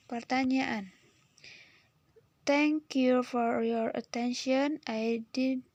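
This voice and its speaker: A young woman with an Indonesian accent reads English phrases slowly and carefully, each followed by its translation, with some hesitant English. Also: a little high, a little mellow, no echo. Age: young adult. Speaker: student presenting a lesson.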